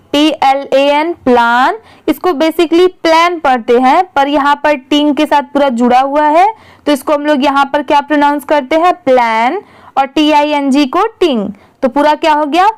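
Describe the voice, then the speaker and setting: A woman's voice: high-pitched, a little slow. A woman teaching English reading, spelling each word letter by letter and then sounding it out, patiently explaining in Hindi. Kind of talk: online reading lesson.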